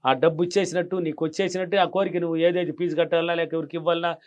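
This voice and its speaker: A man's voice: a little high, level tone, very fast, darkish tone. A man giving emphatic money-affirmation advice in an interview, repeating his key phrases. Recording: dull lo-fi sound.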